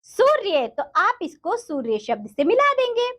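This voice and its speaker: A woman teaching a lesson to young children, spelling words out slowly letter by letter and asking them questions. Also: very high-pitched, huge pitch swings, a bit bright. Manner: addresses children, slow syllable-by-syllable spelling.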